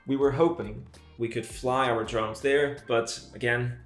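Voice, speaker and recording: A man co-hosting a travel vlog in casual chat, relaxed and fond of teasing. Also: medium pitch, measured pace. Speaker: travel vlogger co-host. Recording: echoey room with faint music.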